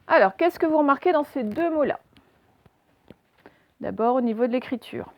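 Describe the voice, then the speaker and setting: Slow, clear woman teaching a reading lesson. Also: high-pitched, lively intonation. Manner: slow, clearly articulated, asks questions and answers them herself. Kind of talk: recorded reading lesson for children. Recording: dry, dull lo-fi recording.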